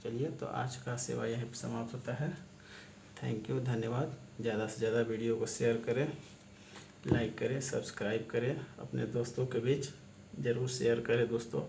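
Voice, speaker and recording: A man gives a casual shorthand lesson, walking through examples one by one and repeating the same phrases. His voice stays flat and even, with little rise or fall. He is recorded in an echoey room with a faint hiss behind him. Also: mid-range voice, normal speed, gravelly. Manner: repetitive, walks through examples step by step. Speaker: shorthand teacher.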